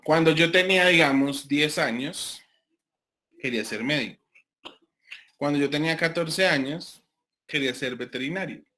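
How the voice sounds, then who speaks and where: A Colombian man with a bright, clear voice lectures his online class. He talks slowly and deliberately, with plenty of fillers and self-corrections. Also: medium pitch. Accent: Colombian Spanish. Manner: slow, deliberate, with frequent fillers and restarts. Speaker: university lecturer.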